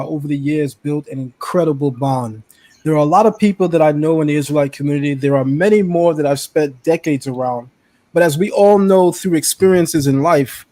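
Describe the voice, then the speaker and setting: A man's voice: a little high, darkish tone, no room sound. A man hosting a live stream interview, upbeat and familiar, addressing his viewers as family. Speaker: host, interviewer.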